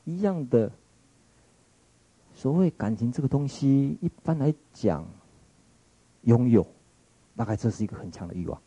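Male Taiwanese Mandarin lecturer, dark husky voice, dry close sound, rambling reflective storytelling. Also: mid-range voice, animated, moderate pace, pauses often, dry recording, low-quality recording. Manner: musing, searching for words, frequent restarts.

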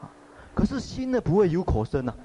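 A man's voice: high-pitched, very animated, a little fast, dark tone, slight background noise, pitched above the performer's own voice. Man doing an admonishing old master. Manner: admonishing, instructive. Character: wise old male meditation master, admonishing.

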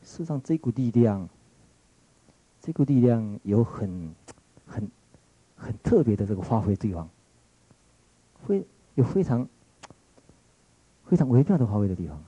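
Male Taiwanese Mandarin lecturer, dark husky voice, dry close sound, rambling reflective storytelling. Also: mid-range voice, big pitch swings, unhurried, pauses often, no echo, dull audio. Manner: musing, searching for words, frequent restarts.

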